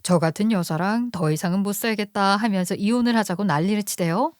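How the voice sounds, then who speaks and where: A woman's voice: mid-range voice, fairly quick, no room sound, clean studio sound. A woman narrating a first-person story script in a plain recounting tone.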